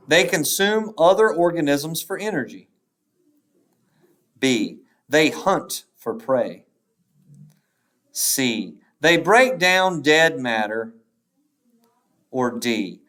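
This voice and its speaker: Like a teacher reading a test aloud, a man with a medium-pitched, fairly bright voice goes very slowly through quiz questions and answer choices. He's measured and deliberate, pausing after each option letter.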